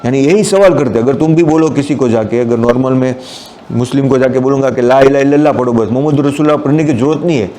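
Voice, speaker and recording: A man's voice: medium pitch, quick pace, dark tone. A man giving a Friday sermon, explaining the meanings of scripture words and mixing in English terms. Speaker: preacher.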